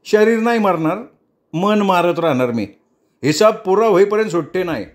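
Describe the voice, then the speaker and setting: A male narrator voicing a young man who makes quiet, vengeful threats in a spoken novel. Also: sits high, animated, normal speed, voice pushed up. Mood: menacing.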